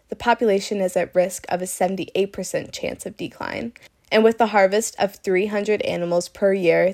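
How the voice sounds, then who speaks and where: A woman reading scripted narration in the manner of a nature documentary. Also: medium pitch.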